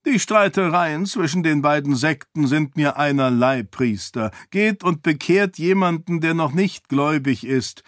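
A man's voice: a little high, expressive, unhurried, hardly any pauses, no room sound, studio quality, voice pushed up. A man voicing a scornful, impatient middle-aged king who mocks a priest in a sarcastic, raised voice.

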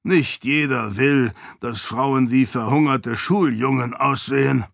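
A man voicing a portly, blunt, booming count in an audiobook, talking slowly and blusteringly. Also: creaky, a bit bright, no room sound, studio quality, exaggerated voice. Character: portly boisterous male count, blunt glutton. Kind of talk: audiobook character voice.

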